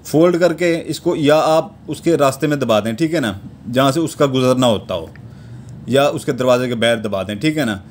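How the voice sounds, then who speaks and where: A man with a Pakistani Urdu accent calmly teaching how to draw a charm step by step, checking in with a repeated tag after each step. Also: mid-range voice, slight background noise. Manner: unhurried, repeats a verbal tic after nearly every step. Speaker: amulet-making teacher. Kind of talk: step-by-step instructional talk.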